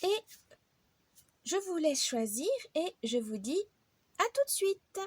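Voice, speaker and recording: A woman's voice: extremely high pitch, sing-song, takes it slowly, no echo. A woman giving a casual weekly tarot reading, chatty and friendly, with frequent hesitations. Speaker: tarot card reader.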